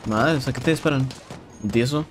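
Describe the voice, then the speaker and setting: Excitable young Mexican gamer man. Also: mid-range voice, moderate pace. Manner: excitable, swears a lot, repeats words. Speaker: gameplay streamer. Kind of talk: casual live game commentary. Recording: game sounds and noise in background.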